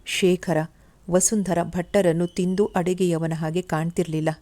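A woman narrating a story in a steady, measured reading voice. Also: on the low side.

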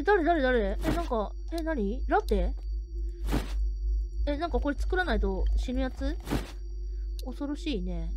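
A woman streaming a horror game, talking bluntly and roughly, laughing often and shouting at the scares. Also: high-pitched. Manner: rough, blunt casual talk with frequent laughter; bursts into loud shouting at scares. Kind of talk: live horror game commentary.

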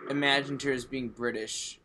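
A man's voice: medium pitch, steady tone, moderate pace, sharp tone, a little hiss or hum, low-quality recording. A man giving casual, joking commentary on a video game, sarcastic and mock-indignant.

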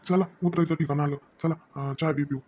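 A man's voice: a little high, steady tone, a little fast, slight background noise, close to an everyday voice. A man, playing a pushy, lecherous old man on a bus in an amateur skit, in a wheedling, coaxing voice. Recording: dull lo-fi recording with faint music.

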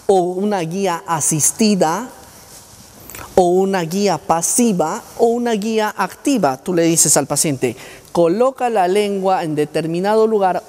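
A man's voice: sits high, darkish tone. Male lecturer, quizzing and demonstrating sounds, reverberant hall. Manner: quizzes the audience and demonstrates speech sounds aloud. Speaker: speech therapist giving a university lecture. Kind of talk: lecture to students.

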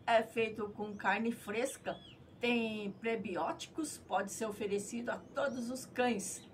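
A woman's voice: a little high, fairly even intonation, slow. A middle-aged Brazilian woman hosting a pet product review vlog in a playful, cutesy manner, sprinkling in Japanese catchphrases. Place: small tiled outdoor patio or yard. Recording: clear background noise, outdoor ambience.

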